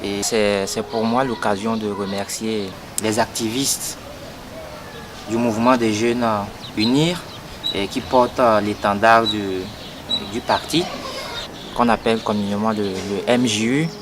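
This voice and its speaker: This interview features a young party activist from Togo, in his 20s, delivering an earnest political statement full of hesitations, fillers and repeated words. He speaks in an unhurried, steady voice on the low side, against the noise of an outdoor street.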